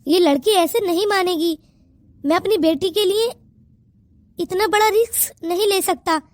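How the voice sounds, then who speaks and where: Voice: very high voice, a little slow. A voice artist playing a firm, worried wealthy father in a cartoon.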